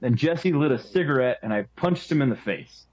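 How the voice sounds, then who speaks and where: A man's voice: mid-range voice, lively intonation, a little fast, darkish tone, dull audio. A man co-hosting a podcast, chatting casually with friends in a laid-back, joking way. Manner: laid-back, jokey storytelling. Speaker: podcast co-host. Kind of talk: casual chat among friends.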